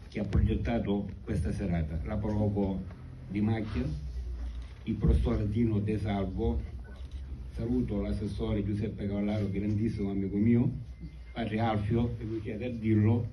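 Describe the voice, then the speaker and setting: A man in his sixties with a Sicilian accent, speaking solemnly and deliberately in short phrases as a poet addressing a live event. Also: on the low side, level tone, recorded from a distance, dull audio, background noise. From Sicily, Italy. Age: 60s. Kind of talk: live address and poetry recitation. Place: public evening event, speaking to an audience.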